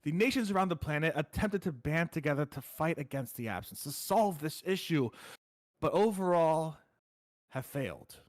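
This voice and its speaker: On a voice call, a man leads a tabletop story game, going over the rules in a relaxed way and reciting the setting's lore like a solemn storybook. His voice is on the high side with lively intonation and a moderate pace, recorded dry at studio quality.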